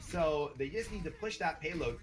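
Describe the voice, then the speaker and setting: A man with a Canadian accent calling an online esports match as caster, chatty and upbeat, laughing often and getting excited on big plays. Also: a little high, moderate pace. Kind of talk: play-by-play esports commentary.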